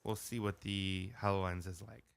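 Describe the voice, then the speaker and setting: A man's voice: deep voice, level tone, moderate pace, vocal fry, clean tone. A man co-hosting a casual podcast, explaining things patiently with many fillers. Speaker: podcast co-host. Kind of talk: casual chat.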